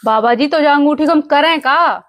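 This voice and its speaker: A high-pitched actress as a village housewife, blunt and full of doubt. Her speech is rural north Indian Hindi dialect, played for sketch comedy over clearly audible music. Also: normal speed, close to an everyday voice. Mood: questioning. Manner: blunt, questioning. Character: sceptical, sharp-tongued village housewife.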